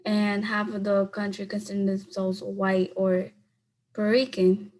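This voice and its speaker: A woman's voice: medium pitch, level tone, unhurried, darkish tone, poor audio. A young adult woman giving a speech for class over a video call, earnest and leaning on "like" when she answers questions unprepared. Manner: earnest, leans heavily on "like" when speaking off the cuff.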